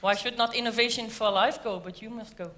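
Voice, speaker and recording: A woman's voice: on the high side, steady tone, a little fast, noisy background. A woman moderating a live stage event in an upbeat manner, as host. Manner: upbeat, echoes speakers' phrases.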